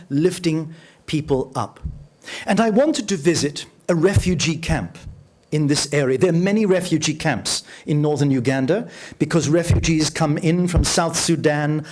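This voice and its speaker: A man giving a storytelling lecture as a radio journalist, acting out dialogue vividly and slowing to a low voice for emphasis. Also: a little mellow. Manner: vivid, acts out dialogue with shifting pitch; slows down and drops low for emphasis. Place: lecture hall.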